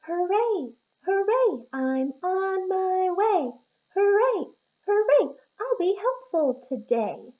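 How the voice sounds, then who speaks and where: A woman's voice: very high voice, very animated, slow pace, narrow, tinny audio, voice pushed up, exaggerated voice. A woman voicing a cheerful little boy ladybug from a storybook, chanting in a sing-song way. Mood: joyful.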